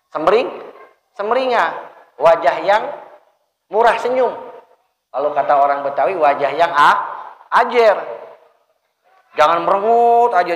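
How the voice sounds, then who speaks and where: A man teaching children about charity in a lively religious lesson, playfully asking questions and answering them himself. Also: sits high. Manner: playful, asks questions and answers them, acts out rude and polite calls. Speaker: Quran teacher. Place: mosque hall. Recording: echoey hall.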